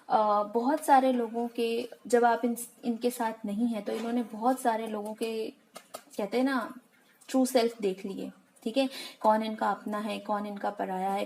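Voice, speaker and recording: A woman's voice: a little high, dark tone, rough recording. A woman giving a casual tarot reading, chatty and reassuring, mixing English words into her speech. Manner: chatty, reassuring, mixes English into Hindi, often says "okay". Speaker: tarot card reader.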